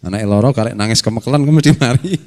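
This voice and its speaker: A middle-aged Islamic scholar with a Javanese accent leads a study circle, speaking quickly in a mid-range, slightly mellow voice. His lecture is casual and jokey; he laughs often, recites Arabic, and blends local and Arabic phrases.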